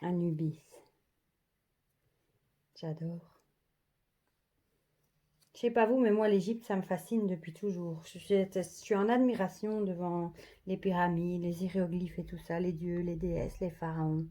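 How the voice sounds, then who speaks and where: A woman's voice: on the low side, fairly even intonation, a little slow, long pauses, mellow. A woman showing off an oracle card deck in a casual vlog, murmuring each card's name in an admiring voice that often drops to a half-whisper.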